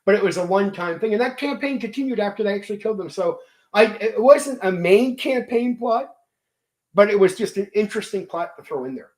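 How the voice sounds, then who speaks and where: A man's voice: high voice, animated, fairly quick. A man hosting his channel, casually recounting a tabletop game session, swearing freely and acting out quotes and sound effects. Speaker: channel host.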